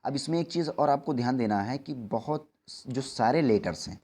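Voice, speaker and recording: A young man teaching English in Hindi, who patiently repeats reminders, slows down to spell out examples and corrects his own slips as he goes. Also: mid-range voice, expressive, mellow. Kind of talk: Hindi-language English lesson.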